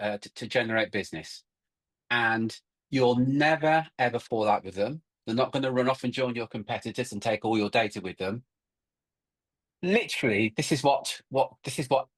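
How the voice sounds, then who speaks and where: A middle-aged man co-hosting a recruiting workshop webinar, talking emphatically and often repeating and restarting his words. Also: mid-range voice. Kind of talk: webinar presentation.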